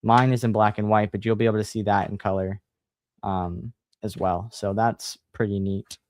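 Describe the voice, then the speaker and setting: A man hosting a livestream, chatting casually and reading a horror book aloud in a relaxed, sighing manner. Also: lowish voice, moderate pace, no room sound, clean studio sound. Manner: relaxed, sighing, laid-back.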